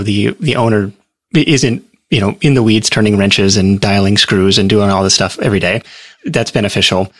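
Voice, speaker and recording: Gravelly, husky man in a casual interview. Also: lowish voice, no echo, studio quality. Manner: relaxed, rambling storytelling with fillers. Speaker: guest.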